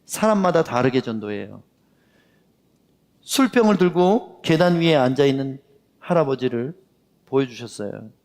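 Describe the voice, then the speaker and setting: A man's voice: medium pitch, normal speed, pauses often. A man preaching a sermon, telling stories and acting out the dialogue in them. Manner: lively storytelling that acts out the dialogue. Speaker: pastor. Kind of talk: sermon with storytelling. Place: worship hall. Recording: long reverb of a worship hall.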